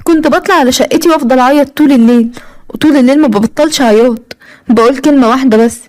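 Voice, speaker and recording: A woman's voice: high-pitched, racing, darkish tone. A woman in her thirties with an Egyptian accent, narrating her own story in an aggrieved, confiding way. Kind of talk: first-person storytelling.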